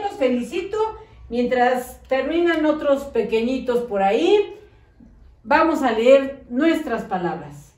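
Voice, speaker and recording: A woman teaching young children to read and write, dictating words slowly and clearly, gently praising and coaxing them, with a Mexican Spanish accent. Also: high-pitched. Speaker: primary school teacher. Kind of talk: slow, patient early-literacy lesson. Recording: echoey room, voice a bit far from mic.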